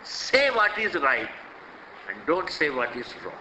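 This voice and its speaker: A man's voice: on the high side, very animated, unhurried, background noise. An older man with an Indian accent giving a spiritual discourse, emphatic and repetitive, full of rhetorical questions, recorded in an echoey hall. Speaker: swami teaching scripture.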